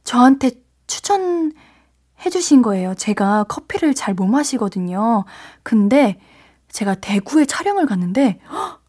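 This late-night radio host is a woman whose slightly high, a little mellow voice is very animated yet measured in pace. Reading listener letters into a studio microphone, she stays bubbly, gasping and exclaiming often.

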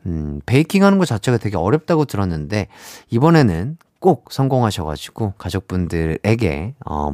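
Casual young male radio DJ, animated pitch, dry close sound. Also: no room sound. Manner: lively, friendly, chatty with light laughter. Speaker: radio show host. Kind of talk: casual radio hosting, reading listener messages.

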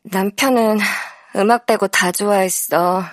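A woman's voice: medium pitch, fairly even intonation, dry recording, natural voice. A woman voicing a dazed, tipsy older sister. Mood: dreamy, bitter. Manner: slow, dreamy monologue. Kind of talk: audiobook character voice. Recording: dry studio.

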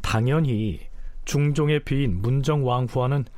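A man explaining history in a measured lecture style, often posing questions to his listeners. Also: medium pitch, darkish tone, dry recording.

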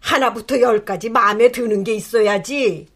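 An actress playing a proud, quick-tempered older grandmother who scolds and sighs theatrically. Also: a little high, a bit bright, a little hiss or hum, close to an everyday voice. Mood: scolding. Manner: scolding, sighing, melodramatic. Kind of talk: TV or radio drama acting.

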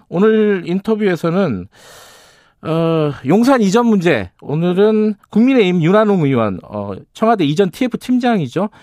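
A man with a slightly hoarse, gravelly voice hosting a current affairs radio programme. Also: on the high side, darkish tone, no echo, clean studio sound. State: throat still hoarse after illness. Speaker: temporary radio show host. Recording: music behind the voice. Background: programme music.

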